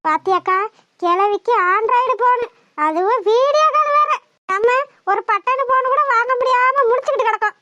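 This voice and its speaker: A woman's voice: very high voice, expressive, moderate pace, highs cut off, noisy background. A woman voicing a grumbling, gossipy field-worker woman in a cartoon. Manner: complaining, gossipy. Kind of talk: cartoon voice acting.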